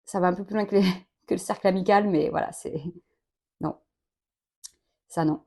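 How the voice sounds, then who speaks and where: Chatty woman in her late thirties, business leader in a quick-fire interview, informal, quick to laugh. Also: medium pitch, steady tone, vocal fry, noisy background. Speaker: company director interviewed.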